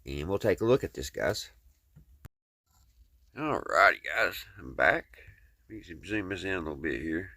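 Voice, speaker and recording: A Kentucky man with a Southern accent hosts a hobby repair video channel, chatting plainly and folksily to viewers as he works with his hands, rambling along. His voice sits low and is expressive, a bit slow with frequent pauses, pushed and bright, recorded dry at studio quality.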